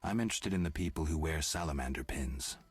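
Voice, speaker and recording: An actor playing a gruff, stoic warrior for hire in a video game, terse and deadpan. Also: male voice, extremely low pitch, fast talker, soft background music. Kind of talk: video game dialogue acting.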